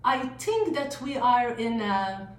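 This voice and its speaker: Slow-talking Maltese-accented woman in an echoey room. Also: fairly high pitch, very animated. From Malta. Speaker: real estate agent, interview guest. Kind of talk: casual interview answers. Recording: echoey room, faint noise.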